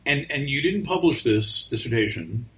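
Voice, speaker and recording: Bright-voiced man pressing with questions. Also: mid-range voice, lively intonation, normal speed. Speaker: interviewer. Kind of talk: probing interview.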